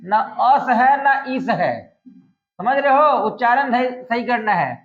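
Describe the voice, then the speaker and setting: A man's voice: very high-pitched, lively intonation, narrow, tinny audio. A male English teacher, teaching a classroom grammar lesson and firing constant questions at his students. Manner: drawls out example sentences slowly.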